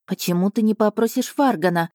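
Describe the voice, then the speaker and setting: A nervous young heroine protests and questions in a raised, flustered voice, as a woman reader puts her on. Her tone stays mellow, recorded dry and near. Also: medium pitch, fairly quick, dry recording, lightly acted. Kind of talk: audiobook reading.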